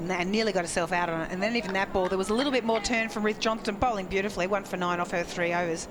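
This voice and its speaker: A woman's voice: medium pitch, very fast. Australian woman analysing cricket amid outdoor noise. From Queensland, Australia. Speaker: expert analyst cricket commentator. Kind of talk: live sports analysis, conversational. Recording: noisy outdoor ground, traffic ambience.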